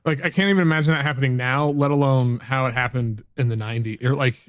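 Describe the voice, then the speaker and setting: A man's voice: mid-range voice, steady tone, quick pace, clear, resonant tone, no echo, studio quality. A man in his forties hosting a podcast, chatting casually in a hesitant, agreeable way that trails off. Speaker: podcast host. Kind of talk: casual conversation.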